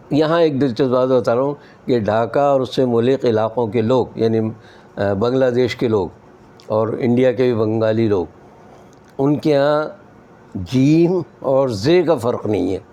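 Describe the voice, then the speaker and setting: An older Pakistani-born humor columnist talks in a relaxed, anecdotal way, slipping into playful imitations of how others mispronounce words. His voice is mellow and dark, sitting at an ordinary male pitch. The delivery is wry and unhurried, like a storyteller at ease. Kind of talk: relaxed anecdotal talk on language.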